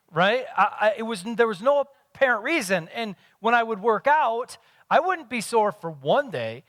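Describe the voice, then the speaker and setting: A man's voice: sits high, a bit bright, no echo. A pastor in his forties giving a conversational sermon with self-deprecating humor. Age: 40s.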